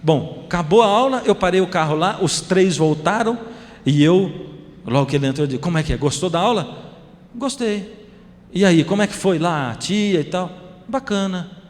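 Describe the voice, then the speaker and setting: A Brazilian man preaches as a pastor, telling a story and acting out each exchange. His voice sits a little high. It rings with a long hall reverb. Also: fairly quick. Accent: Brazilian Portuguese. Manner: animated storytelling, acting out dialogue. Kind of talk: storytelling sermon.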